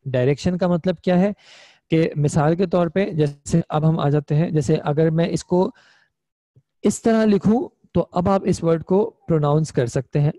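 A man's voice: on the high side, moderate pace, mellow, dry recording. Patient male Arabic grammar teacher. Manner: patient, explains step by step, often asks "ठीक है?". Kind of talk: online classroom lesson.

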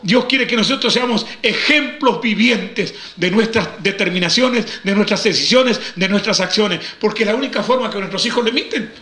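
A male preacher delivers an emphatic sermon in a high, bright voice. He acts out the people he quotes, and his voice echoes through a large hall. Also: normal speed, few pauses.

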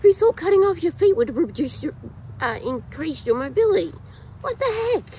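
A woman in her thirties with an Australian accent, chatting to her phone camera outdoors in a rambling, animated way. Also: very high voice, normal speed, slight background noise, poor audio. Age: 30s. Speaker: vlogger. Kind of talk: casual talk to camera. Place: outdoors in a yard, in shade. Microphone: phone camera held low at arm's length.

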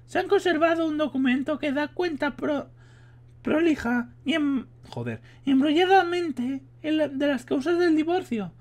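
A man from Spain reading aloud and putting on a high falsetto for a sorceress woman who tells history, stumbling now and then over the words. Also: animated, unhurried. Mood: storytelling. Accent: Spain Spanish. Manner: reads with stumbles and restarts. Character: poised adult sorceress woman telling history.

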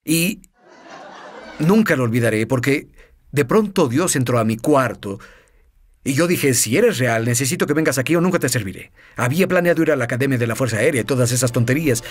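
A man, a guest minister, telling his personal testimony in a TV interview, lively, with chuckles and fillers. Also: mid-range voice, a little fast.

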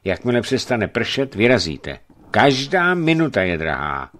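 A man's voice: lowish voice, sing-song, a bit bright, pitched above the performer's own voice. A man voicing a stern, cunning disguised priest who gives curt, authoritative orders. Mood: warning.

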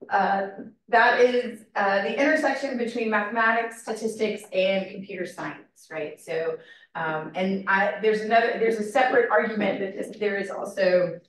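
A woman with a hoarse voice she is losing, giving a chatty informal presentation about a degree program, with plenty of fillers. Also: mid-range voice. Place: classroom. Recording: echoey room from far off.

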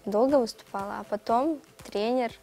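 A woman's voice: a little high, normal speed, warm tone, faint music behind. A teenage girl, a fighter guest on a TV morning show, giving short, modest, plain answers in a studio on a lapel mic. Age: teens. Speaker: guest, mixed martial arts fighter. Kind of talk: TV studio interview. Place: bright TV studio set.

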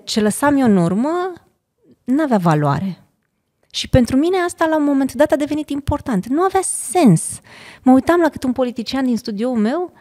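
A middle-aged woman from Romania, a podcast guest, telling stories in a casual chat and often checking in with her listener. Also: high voice. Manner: animated storyteller, often asks "știi?".

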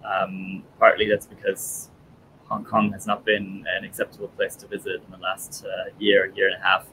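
Joining a video-call interview as a guest through headphones, a man in his thirties answers thoughtfully, using lots of fillers. Born in Italy, he grew up in German-speaking Europe. His low-pitched voice is monotone and sharp at a moderate pace, over poor audio with a little hiss or hum.

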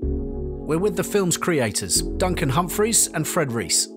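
A man's voice: fairly high pitch, sing-song, slow, music in the background. A man hosting a podcast, reading scripted links with a wry tone. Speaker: podcast host. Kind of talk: scripted narration.

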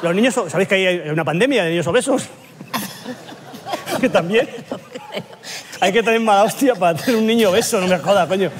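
A man with a high voice tells a long, exaggerated comic anecdote, swearing freely and laughing along. He rambles and restarts as he builds the joke. A faint hiss sits under the recording. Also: a little fast, pauses often. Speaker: comedian panelist. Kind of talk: comic storytelling on a panel show. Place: TV studio with live audience.

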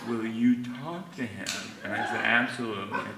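A man's voice: lowish voice, normal speed, very noisy. Wry man hosting on a stage. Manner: wry, self-deprecating storytelling. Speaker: awards show host. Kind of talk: stand-up opening monologue. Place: theater stage before a large live audience. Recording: roomy hall sound, distant mic, loud crowd. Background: audience laughter.

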